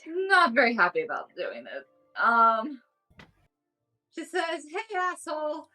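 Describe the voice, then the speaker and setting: Female tabletop player, higher voice, very expressive intonation, casual, faint music behind. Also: slow. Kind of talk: casual game narration in third person.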